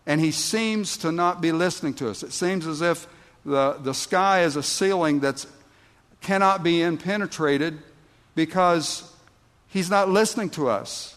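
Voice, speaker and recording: A man preaches a sermon in a church, his voice sitting a little high for a man. He takes his time, leaning on words and pausing, then punches out emphatic lines. The sound carries a long reverb from a large hall. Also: a bit bright. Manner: slow, deliberate preaching with emphatic outbursts. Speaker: pastor.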